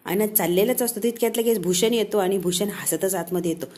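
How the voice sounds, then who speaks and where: A woman tells the story of a TV serial episode scene by scene in a mellow, darkish voice. She moves through the plot in steady storytelling and quotes each character in turn. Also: medium pitch, quick pace. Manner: storytelling, animated quoting of characters. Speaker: TV serial recap narrator.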